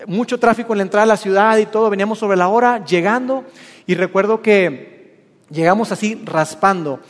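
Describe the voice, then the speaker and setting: A man's voice: high voice, big-room sound. A man with a Mexican accent, preaching a sermon to his congregation and telling personal stories as the pastor. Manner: storytelling with personal anecdotes, addressing the congregation. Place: church.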